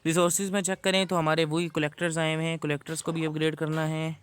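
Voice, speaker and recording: A man's voice: a little high, level tone, quick pace, fairly bright tone, clear, resonant tone. A man giving chatty, casual gameplay commentary to his viewers. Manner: chatty, addresses viewers as guys. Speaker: gaming YouTuber.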